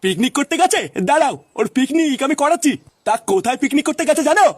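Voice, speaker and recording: Cartoon grandpa, old, fiery, quick-tongued, voice jumping high and low. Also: no room sound. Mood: indignant. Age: older. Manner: fast, animated scolding. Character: hot-tempered old grandfather, doting on grandson.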